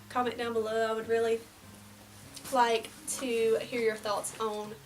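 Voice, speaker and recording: A beauty vlogger in her twenties, slightly nasal from a cold, chats casually and rambles through a get-ready-with-me vlog in a small indoor room before a plain backdrop, dropping to soft near-whispers while applying makeup. Her voice is medium-pitched and far from the mic in a low-quality recording.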